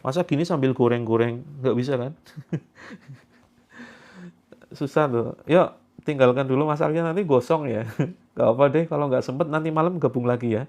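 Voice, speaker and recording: A man leads a group through a tapping exercise as their coach. He speaks in an instructive way and repeats affirmations slowly for the group to follow. He breaks off now and then with playful, joking asides. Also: medium pitch, a little mellow. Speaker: coach leading a self-healing tapping session. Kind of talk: guided group affirmation session.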